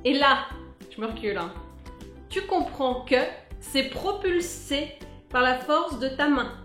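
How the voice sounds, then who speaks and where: A young woman talks through a casual beauty review with a playful, chatty manner and now and then breaks into sung asides. Her voice sits a little high. The room is echoey, with faint music behind her. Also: animated, unhurried, fairly bright tone. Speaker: beauty vlogger.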